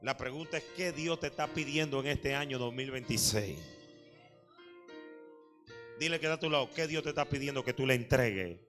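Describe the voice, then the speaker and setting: A man's voice: medium pitch, brisk, long pauses, fairly bright tone, faint music behind. A male pastor preaching a Sunday sermon in church, emphatic and repetitive, often asking the congregation questions. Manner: emphatic preaching, repeated phrases. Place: church service.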